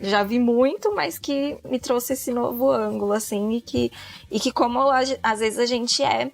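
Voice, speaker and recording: A woman's voice: fairly high pitch, normal speed, creaky. A woman in her thirties, chatting casually as a podcast guest, laughing often and filling her talk with fillers. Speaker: podcast guest, book club member. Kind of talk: casual chat about a book.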